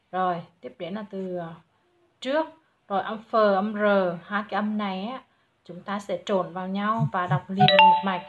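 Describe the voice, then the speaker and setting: A woman with a Vietnamese accent giving patient recorded pronunciation feedback to a child, sounding out English words slowly and loudly. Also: medium pitch, dull audio. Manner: patient, models each word slowly and loudly.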